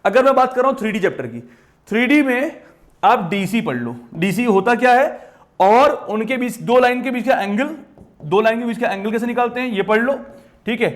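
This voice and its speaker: Very high-voiced man teaching maths. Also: lively intonation, normal speed. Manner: emphatic, repetitive, addresses students directly. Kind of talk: exam-prep lesson.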